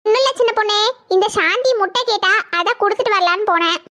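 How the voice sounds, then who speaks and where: A chatty village auntie in a cartoon, fussy and excitable, repeating her words. The voice is extremely high and squeaky, like a sped-up cartoon voice. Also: quick pace, no echo.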